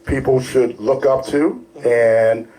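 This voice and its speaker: A man's voice: mid-range voice, fairly even intonation, slow pace, dark tone, low-quality recording. A man with a Baltimore accent co-hosting a casual radio talk show in a studio, rambling with lots of fillers and restarts.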